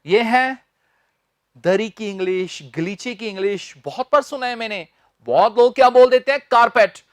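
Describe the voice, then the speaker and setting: A man teaching spoken English, repeating words slowly and talking directly and informally to his students. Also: high voice, dry recording, clean studio sound. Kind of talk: pronunciation lesson.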